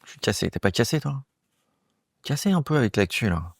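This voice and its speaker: Fast-talking crude comic monologuist, man. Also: mid-range voice, gravelly, slightly rough, dry recording, clean studio sound. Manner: fast, slangy, crude and excitable, does quick voices. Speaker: comedic monologue host. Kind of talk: rambling comic monologue to camera. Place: small room, close to camera.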